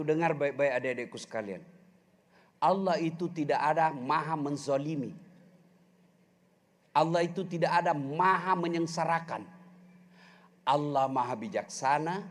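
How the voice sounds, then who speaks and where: A man's voice: a little high, normal speed, long pauses. A middle-aged man preaching a humorous sermon, joking and speaking straight to the congregation. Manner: animated, joking, addresses the congregation directly.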